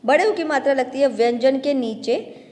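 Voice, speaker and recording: A woman teaching a grade-one grammar lesson, talking to children and slowly spelling out syllables, stretching the long vowels. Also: high-pitched, darkish tone, big-room sound. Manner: addresses children directly, patient explaining tone.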